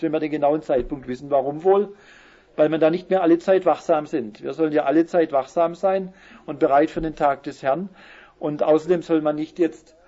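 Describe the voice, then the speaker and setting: A man giving a Bible teaching talk, who explains verses and reads the quotes slowly with emphasis. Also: fairly high pitch, warm tone. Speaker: preacher. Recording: muffled lo-fi recording.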